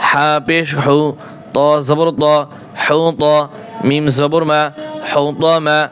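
A man's voice: a little high, level tone, music in the background. Bangladeshi man spelling out Quran verses. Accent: Bangladeshi Bengali. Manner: slow drawn-out chanting of verses between quick spelling drills. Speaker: Quran teacher. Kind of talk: spelling out recitation letter by letter.

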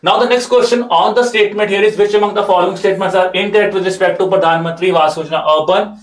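A man's voice: high voice, fairly even intonation, racing. A man in his thirties with an Indian accent teaches exam material in an explanatory lecture style, repeating phrases for emphasis. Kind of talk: classroom lecture mixing English with some Hindi asides. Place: indoor teaching studio in front of a screen. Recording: echoey room sound.

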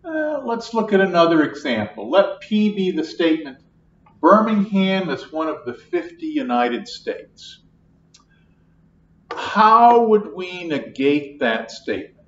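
Huge pitch swings mark the high voice of an older math lecturer explaining at a whiteboard step by step. His classroom manner is slow, patient, and repetitive, and being recorded from across the echoey room makes him sound distant and dull.

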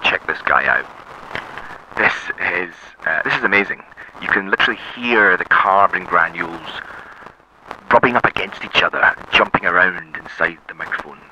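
A man's voice: sits low, normal speed, pushed and bright, highs cut off. A sound designer speaking through an early carbon microphone that adds a gritty, crackling grain to his voice as he explains things in a casual, enthusiastic way. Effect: speaking through an old carbon microphone, gritty and crackly.

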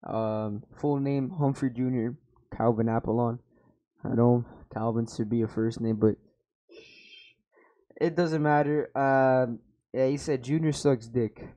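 A young man in a small home room, wearing an over-ear headset mic, reacts to his old gaming videos with rambling, self-mocking talk and free swearing. He speaks unhurriedly with frequent pauses, in a medium-pitched, dark voice.

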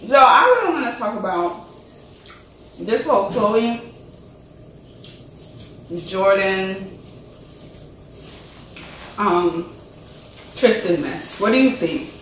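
A woman hosting a casual chat over a meal, chatty and excitable, laughing often. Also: mid-range voice, slow pace, pauses often, a little hiss or hum. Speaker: host. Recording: echoey room, mic far off.

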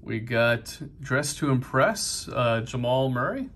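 Cracking trading card packs in a crowded convention hall, this middle-aged New England card-collecting vlogger keeps up a casual, upbeat patter peppered with fillers. He takes his time, and his expressive mid-range voice has a slightly bright edge.

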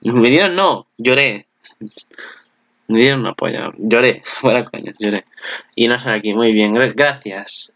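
Excitable man. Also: medium pitch, unhurried, muffled recording. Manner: excitable, laughs often, swears freely. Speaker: anime channel host. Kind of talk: casual commentary on an anime preview.

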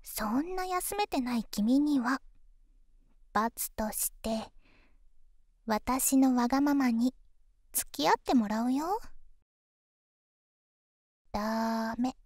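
Young live-in girlfriend, ASMR role-play, intimate pillow talk, high soft voice, slow, affectionate, gently teasing. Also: lively intonation, dry recording, studio quality. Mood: tender, teasing.

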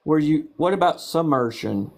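A man's voice: a little high, lively intonation, normal speed, gravelly. A man with a Southern accent asking questions on the street, patient and probing, reaching for homely examples. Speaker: street interviewer. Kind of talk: casual questioning.

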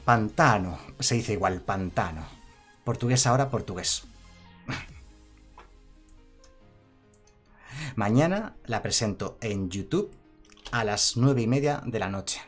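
A man's voice: lowish voice, measured pace, fairly bright tone, soft background music. A man streaming a card game, chatting casually, reading chat aloud and laughing often. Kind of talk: casual live-stream commentary.

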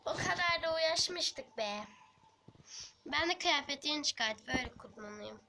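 A woman with a sore throat and a nearly gone voice, giving casual let's-play commentary, speaking quietly and often slipping into a half-whisper. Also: high-pitched, animated, measured pace, a little hiss or hum. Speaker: game channel host.

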